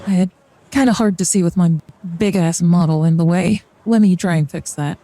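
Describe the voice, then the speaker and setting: There's slight background noise as a young woman with a lowish, warm voice chats at a normal speed on her live stream. Rambling and joking through a card reading, she uses fillers and laughs briefly.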